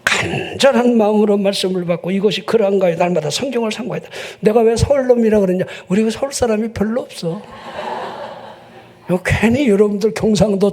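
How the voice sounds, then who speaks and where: A man pastor with a Chungcheong accent preaching a sermon in a church, joking with the congregation and breaking into shouts. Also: high-pitched. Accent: Chungcheong Korean. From Chungcheong, South Korea. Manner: joking, animated, bursts into shouting. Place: church sanctuary.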